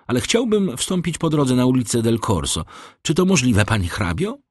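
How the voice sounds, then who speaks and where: A man doing a wary young gentleman. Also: medium pitch, very animated, normal speed, husky, no echo, clean studio sound, pitched above the performer's own voice. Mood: questioning.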